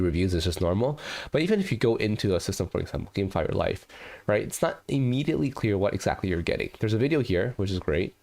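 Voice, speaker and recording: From a living room indoors, with a red sofa and a webcam, a man in his thirties hosts a casual livestream while congested from a cold. His voice is low-pitched with a darkish tone, and he keeps saying "you know" and "right?"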